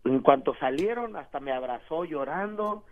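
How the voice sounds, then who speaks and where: Mexican man, Mexican accent, radio caller, rambling slangy storyteller, somewhat high voice, tinny phone line. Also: expressive, moderate pace. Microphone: telephone.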